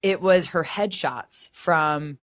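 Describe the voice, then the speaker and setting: A woman in her thirties co-hosting a podcast in casual chat, chatty and quick to laugh. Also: low-pitched, no room sound, clean studio sound. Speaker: podcast co-host.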